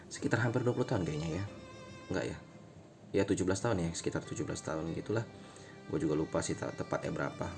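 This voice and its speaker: A low-pitched, creaky male voice talks fast over music in a helmet-camera motovlog shot outdoors while he rides a motorbike through traffic. He's an Indonesian vlogger in his late twenties, born in Medan, rambling casually about personal things in informal Jakarta slang, correcting himself and chuckling at his own jokes.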